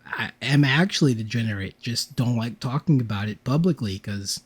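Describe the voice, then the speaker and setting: A man's voice: mid-range voice, animated, moderate pace, breathy edge. A man co-hosting a podcast, telling a rambling story in casual chat and acting out what people said. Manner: rambling storyteller, acts out quotes. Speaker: podcast co-host.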